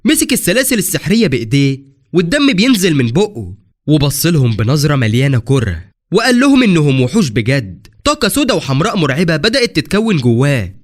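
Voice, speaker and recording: A man with an Egyptian accent narrating a scripted story recap in a dramatic, rapid retelling. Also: a little high, wildly swooping pitch. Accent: Egyptian Arabic.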